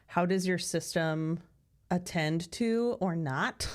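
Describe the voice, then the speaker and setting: Taking her time, a podcast co-host with a lowish voice chats in a relaxed, considered way. She leans heavily on "like" as a filler.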